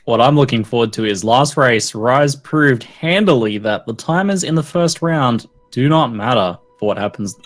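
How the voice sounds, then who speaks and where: A man's voice: mid-range voice, moderate pace. Giggly hiccuping male co-commentator. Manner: giggly, self-mocking, animated. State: hiccuping and laughing a lot. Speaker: esports race co-commentator. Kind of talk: live commentary banter.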